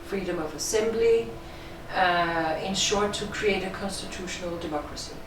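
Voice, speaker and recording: A middle-aged woman from Denmark with a Danish accent, a film director giving measured, thoughtful interview answers. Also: lowish voice, noisy background. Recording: echoey room, distant mic.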